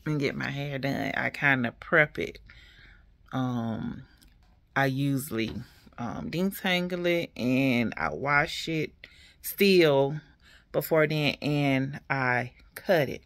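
A woman's voice: low voice, creaky, fairly bright tone, no room sound. A woman, chatting casually to her viewers, laughing often as she talks. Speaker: vlogger, single mother. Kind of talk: casual chat to camera.

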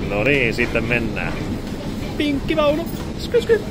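A man vlogging at an amusement park, joking and shouting on the rides, his voice going hoarse. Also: mid-range voice, very noisy. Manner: excited, jokey, shouts on rides. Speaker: YouTuber. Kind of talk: amusement park ride vlog. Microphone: action camera.

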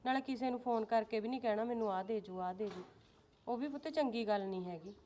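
A woman plays a middle-aged Punjabi mother-in-law, firm with one daughter-in-law and soothing with the other, in a motherly manner. Her voice sits high. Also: fast, warm tone, slight background noise, natural voice. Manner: scolding, then soothing and motherly. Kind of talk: Punjabi short-film acting.

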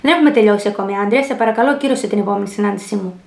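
A woman's voice: mid-range voice, vocal fry, lightly acted. Brief: a woman reading a curt, controlling young tycoon in an echoey room, plain voice. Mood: cold. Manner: curt, clipped delivery. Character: cold, controlling young male businessman.

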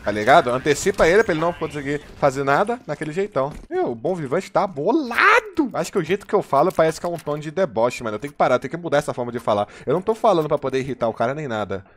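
Fast-talking Brazilian gamer man. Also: a little high, lively intonation. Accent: Brazilian Portuguese. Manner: hyped, slangy banter, calling plays. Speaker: gaming streamer. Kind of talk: live gameplay commentary with teammates.

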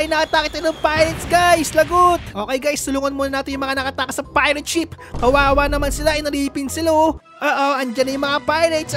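A high-pitched woman with a Filipino accent narrates her gameplay for her channel in a playful, giggly way, laughing often. Background music plays under her voice throughout. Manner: playful, giggly, talks to viewers as "guys". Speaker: gaming channel host. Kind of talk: Roblox gameplay commentary.

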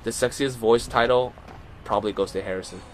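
A man casually commentating a video game match, getting excited when the action heats up. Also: medium pitch, a little fast, slight background noise. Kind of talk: casual esports play-by-play.

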